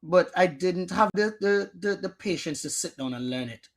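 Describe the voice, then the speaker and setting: A man, a guest DJ telling stories in a casual podcast interview, animated and slangy. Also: sits high, moderate pace. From Antigua. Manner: animated storyteller, slangy, acts out his own past lines. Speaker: guest DJ and producer.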